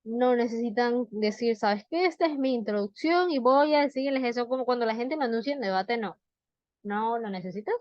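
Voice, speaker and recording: Young woman, debate coach, chatty explainer, fairly high voice, dry muffled sound. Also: fairly quick, no echo. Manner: conversational, frequent fillers and rhetorical questions. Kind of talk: explanatory talk. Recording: dull, slightly muffled sound.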